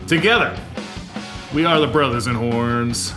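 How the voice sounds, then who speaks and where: A man's voice: mid-range voice, unhurried, over music. A man hosting a podcast in casual chat, easygoing and laughing with his brother. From Canada. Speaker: podcast host.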